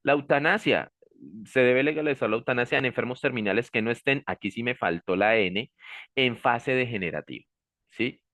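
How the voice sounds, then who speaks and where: A man's voice: mid-range voice, normal speed, fairly bright tone, no room sound. A man teaching a class, explaining step by step and often checking that students follow him. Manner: checks understanding with frequent "¿sí?" and "¿listo?"; gives warnings like "ojo" and "pilas". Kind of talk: classroom lecture.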